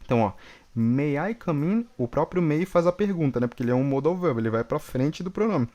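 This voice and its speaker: A man from Brazil teaching an English lesson, patiently repeating each example slowly and checking in with the class. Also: fairly high pitch, lively intonation, a little mellow.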